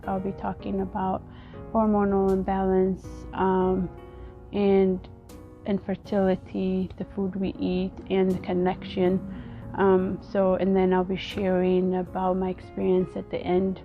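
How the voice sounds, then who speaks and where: A woman from Ethiopia, vlogging outdoors in an earnest, halting way and often repeating her words. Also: mid-range voice, phone-quality sound. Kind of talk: casual personal vlog talk.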